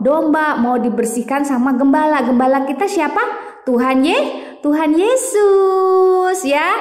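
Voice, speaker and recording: Woman, children's sermon, animated, drawn-out words, higher voice, roomy reverberant hall. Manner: animated, sing-song, drawn-out words for emphasis. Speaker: children's church teacher. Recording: echoey hall with long reverb.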